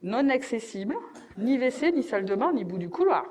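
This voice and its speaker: Lively high-voiced woman doing stand-up. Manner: animated, quick shifts into acted voices. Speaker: stand-up comedian. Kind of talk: stand-up comedy monologue.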